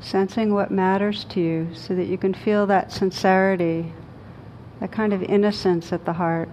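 Here a woman teaches a guided meditation to a group gathered in a room. Long pauses punctuate her slow, calm and soothing speech, and the recording has a dull, lo-fi quality with rumbling noise.

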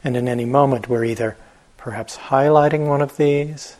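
This man teaches meditation, offering guidance in a husky voice of medium pitch with fairly even intonation. He takes his time, speaking gently and pausing at length.

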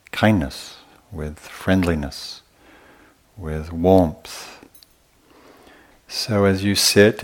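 This is a man's low voice guiding a meditation talk at a retreat. He keeps it gentle and slow, frequently stopping between short phrases.

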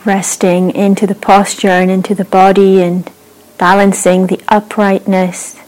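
A woman leads a guided meditation in a mellow, warm voice. She speaks slowly and gently, leaving long pauses between phrases, and her pitch stays even and flat throughout. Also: poor audio. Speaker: meditation teacher.

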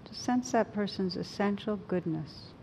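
A woman speaking as a meditation teacher, in a gentle, unhurried way with frequent pauses, as in a reflective talk or guided practice. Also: poor audio. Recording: clear low rumbling background noise.

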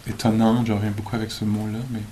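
A man giving a dharma talk at a meditation retreat, thoughtful and gently joking, pausing often with fillers. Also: lowish voice, completely flat delivery, slight background noise, low-quality recording. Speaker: meditation teacher.

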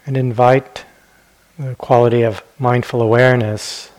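Guiding a meditation with long pauses between phrases, this man speaks gently and without hurry. His voice is medium-pitched and level in tone.

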